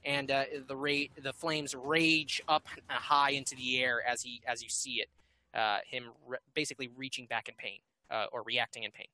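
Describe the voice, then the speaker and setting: A man narrating as game master, talking in halting bursts with many fillers and restarts. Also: mid-range voice, steady tone, bright, forceful tone.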